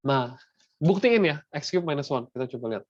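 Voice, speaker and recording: A young man with an Indonesian accent teaches a maths lesson, switching between Indonesian and English in a relaxed, conversational style and frequently checking that his students are keeping up. His voice sits slightly high, with lively intonation and a fairly brisk pace. The sound is dull and dry, with no echo.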